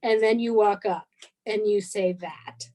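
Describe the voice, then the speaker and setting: Young woman telling a lively story. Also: mid-range voice, a little slow, poor audio. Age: 20s. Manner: animated, acts out quoted dialogue. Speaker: guest missionary. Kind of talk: casual storytelling interview.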